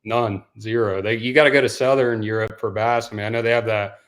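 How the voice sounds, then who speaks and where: A young man from Denmark, guest on a casual podcast interview, talking in a relaxed, rambling way and saying dude often. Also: on the low side, fairly quick. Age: young adult. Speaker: guest, professional bass angler.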